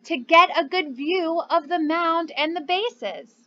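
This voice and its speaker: A young woman who teaches preschool speaks slowly to small children in a very high-pitched voice, keeping things simple and encouraging. She's giving a children's lesson and reading a storybook aloud. The audio sounds dull.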